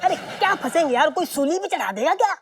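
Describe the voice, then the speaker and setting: A high, rapid-fire voice of a hot-headed young man in a sitcom, sick of living in disguise. He whines fast and keeps threatening to make a scene. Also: very animated, fairly bright tone, full character voice. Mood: fed up. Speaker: disguised night watchman. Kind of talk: sitcom acting.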